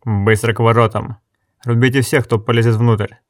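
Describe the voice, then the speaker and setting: A man voicing a bold young swordsman who loudly commands the others. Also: medium pitch, flat delivery, normal speed, close to an everyday voice. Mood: commanding. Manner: loud, commanding.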